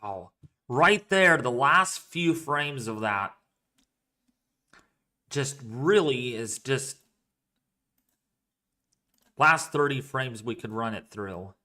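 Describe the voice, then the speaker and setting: A man giving casual live weather commentary as a co-host, excitable and exclaiming at what he shows on screen. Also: medium pitch, drawn-out words, long pauses.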